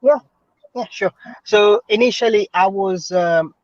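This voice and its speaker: A man's voice: sits high, unhurried, dry recording. A man with a Scottish accent, a student union vice president, talking hesitantly with many fillers and restarts. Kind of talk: casual online panel chat. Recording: muffled, dry sound.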